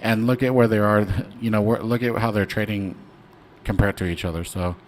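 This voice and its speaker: A young man chats loosely through a trading stream in a fairly low voice, filling gaps with ums and slang. Soft background noise sits under his talk. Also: fairly even intonation, fairly quick. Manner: laid-back, rambling, slangy with many fillers. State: hiccuping. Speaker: stock trading stream host. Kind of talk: casual livestream chart talk.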